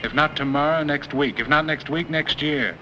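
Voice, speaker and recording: A man's voice: a little high, lightly acted. A man playing a relentless, sardonic, coolly patient police detective in 1940s film noir style. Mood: menacing, sardonic. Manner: cold, sardonic, deliberate. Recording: muffled, noisy old film soundtrack.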